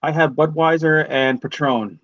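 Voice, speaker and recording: A man co-hosting a casual chat, his voice thin and tinny with no bass, like he is talking from inside a tin can. He swears freely and keeps things loose and jokey. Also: a little slow, a bit bright. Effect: thin, tinny sound with no bass, like a tin can. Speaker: podcast co-host. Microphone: built-in computer microphone on a call. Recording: tinny lo-fi computer mic.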